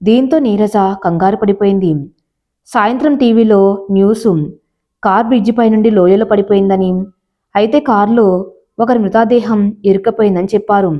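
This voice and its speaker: A woman narrating a scripted story in a plain, steady storytelling manner. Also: medium pitch, moderate pace. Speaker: audiobook narrator. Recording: slightly dull lo-fi audio.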